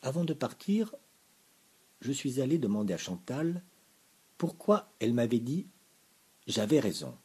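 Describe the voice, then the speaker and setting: A man reading a comic story aloud in a lively, mock-dramatic manner. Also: mid-range voice, unhurried, pauses often, breathy edge.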